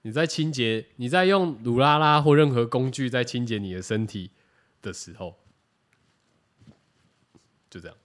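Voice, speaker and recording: Guy rambling on a podcast, animated, keeps restarting his sentences. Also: medium pitch, normal speed, long pauses. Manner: rambling, animated, self-correcting. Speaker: podcast co-host. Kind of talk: casual chat.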